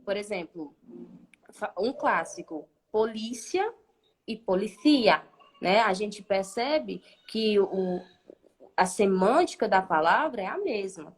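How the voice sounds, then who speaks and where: A woman Spanish teacher explaining in a live online class, patient and talkative, who often ends sentences with a questioning "né?" and thinks aloud with restarts. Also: fairly high pitch.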